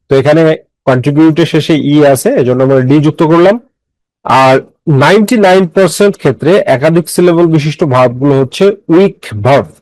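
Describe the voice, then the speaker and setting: A man's voice: fairly high pitch, a little mellow, dry recording, rough recording. A man teaching English grammar, explaining step by step, repeating phrases and quizzing his students, mixing English words into his talk. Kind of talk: classroom lecture.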